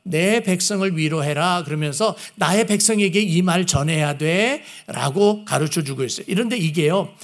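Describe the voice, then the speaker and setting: A man's voice: high voice, moderate pace, hardly any pauses. A man preaching a sermon who asks his listeners questions and acts out the lines he quotes. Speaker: pastor.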